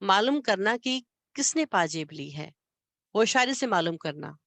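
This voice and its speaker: Woman, storytelling narration, expressive, measured, middle pitch, dry sound. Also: no echo. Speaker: literature channel reader. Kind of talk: storytelling reading and commentary.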